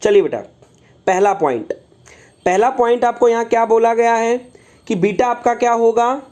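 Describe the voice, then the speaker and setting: Male tutor, mellow soft tone, fatherly, repeats himself, live online class. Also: high-pitched. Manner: fatherly, calls students "beta" and repeats himself; reads chat comments aloud and answers them. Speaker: engineering exam tutor.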